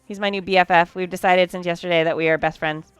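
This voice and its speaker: A woman's voice: lowish voice, fairly even intonation, fast, clear, resonant tone, no room sound, soft background music. Tired chatty woman streaming late at night. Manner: chatty, talks to chat while working. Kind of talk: casual live-stream chat while sewing.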